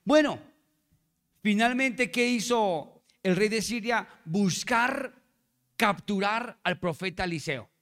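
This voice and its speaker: A male pastor preaching a sermon in a lively, playful way, often asking the congregation questions. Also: high-pitched, slow pace.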